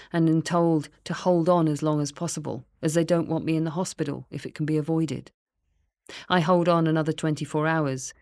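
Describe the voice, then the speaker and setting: A woman with a low, deep-set voice reads her own memoir aloud in a quiet, earnest, reflective way. The recording is close and dry, with no room sound. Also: no room sound. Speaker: memoir narrator. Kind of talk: first-person memoir reading.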